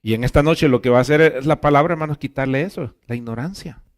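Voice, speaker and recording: A man preaching a sermon as pastor, emphatic, rising to loud exclamations and dropping to quiet asides, often calling his listeners brothers. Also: mid-range voice, fast. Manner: keeps addressing listeners as brother.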